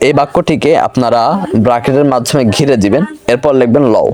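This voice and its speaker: Young male teacher, methodical, repetitive, medium pitch, recorded lesson. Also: a little mellow. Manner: methodical, repeats each word and its meaning; corrects pronunciation patiently. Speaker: language teacher.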